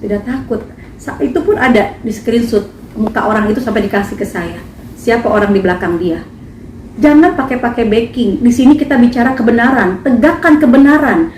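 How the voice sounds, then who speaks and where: A woman's voice: on the high side, a little fast, a little mellow, far from the mic. A woman singer making an emphatic, indignant statement at a press conference. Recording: echoey, from afar, faint noise.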